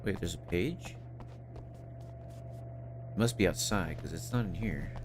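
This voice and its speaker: A man's voice: low-pitched, expressive, a little slow, noisy background. A man doing casual game commentary as a streamer, muttering wry asides to viewers.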